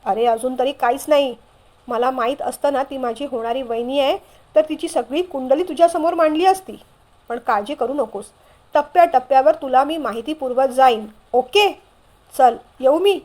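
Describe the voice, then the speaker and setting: Brief: a woman reading a playful teasing younger brother, light and high. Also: normal speed, darkish tone.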